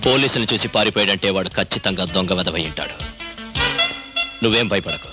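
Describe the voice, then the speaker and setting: An actor playing a gruff, commanding police officer in a film scene. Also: male voice, low-pitched, brisk, over music, natural voice. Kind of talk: film thriller dialogue.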